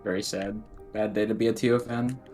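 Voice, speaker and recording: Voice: mid-range voice, fairly even intonation, moderate pace, darkish tone, soft background music. A speedrun racer chatting casually with the commentators, in a laid-back, dry manner. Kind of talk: casual chat.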